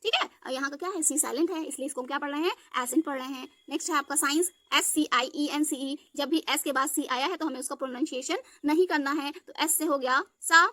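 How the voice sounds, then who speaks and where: High, bright-voiced woman teacher. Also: fast, few pauses, no echo, studio quality. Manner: spells words letter by letter, checks with "ठीक है". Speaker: English teacher. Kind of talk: spelling lesson for students.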